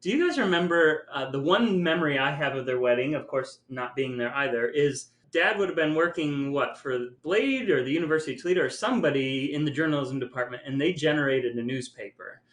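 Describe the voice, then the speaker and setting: A middle-aged American man hosts a podcast in a casual, conversational style, his slightly high, fairly bright voice moving briskly with hardly any pauses. The sound is roomy, with music.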